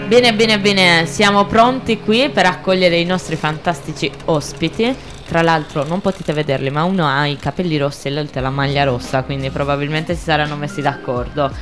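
A young woman co-hosts a radio show in a rather low voice with a southern Italian, Pugliese accent. She banters casually and teases playfully, with faint music around her. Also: normal speed, hardly any pauses. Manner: playful, teasing.

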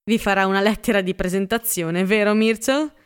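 A woman's voice: mid-range voice, steady tone, normal speed, clean tone, lightly acted. A woman voicing a brash, teasing wealthy man in an audiobook. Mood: mocking. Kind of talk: audiobook character reading.

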